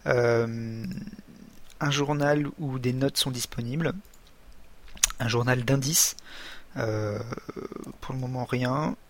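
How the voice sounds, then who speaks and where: A man's voice: medium pitch, fairly even intonation. Hesitant French man narrating a game. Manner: hesitant, halting, many fillers and restarts. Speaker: gamer. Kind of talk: let's play commentary.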